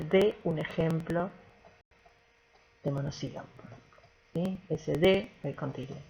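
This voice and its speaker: A woman teacher walks through a grammar lesson with a low, slightly husky voice. She explains patiently, point by point, and often checks in to make sure the class is following. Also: low-quality recording.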